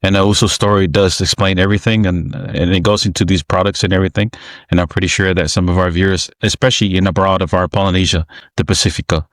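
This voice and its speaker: A man from American Samoa hosting a podcast, telling stories in a relaxed, reminiscing way with halting restarts. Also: sits low, no echo. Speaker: podcast host. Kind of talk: casual podcast storytelling.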